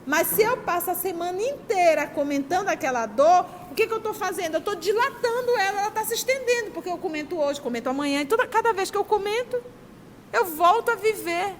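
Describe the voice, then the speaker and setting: A woman leads a spiritist study group, teaching emphatically with lively personal anecdotes. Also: extremely high pitch, brisk, long reverb tail, a little hiss or hum. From Manaus, Brazil. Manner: animated, emphatic, storytelling.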